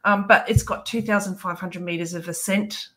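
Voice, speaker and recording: A woman's voice: lowish voice, fairly even intonation, normal speed, a bit bright. Chatty New woman, full of ums. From New Zealand. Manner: chatty, hesitant, many filler ums. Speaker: podcast co-host. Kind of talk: casual chat.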